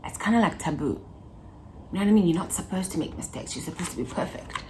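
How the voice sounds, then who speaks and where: A woman in her twenties chats casually to camera for her vlog viewers, playful and talkative, slipping into little laughs and bits of song. Her voice is on the low side, expressive and fast, with a noisy background.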